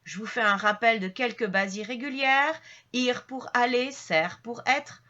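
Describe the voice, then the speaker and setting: Bright-voiced woman teaching grammar. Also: on the high side, normal speed, muffled recording. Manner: patient, explains step by step with many fillers and restarts. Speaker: French teacher. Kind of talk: grammar lesson to camera.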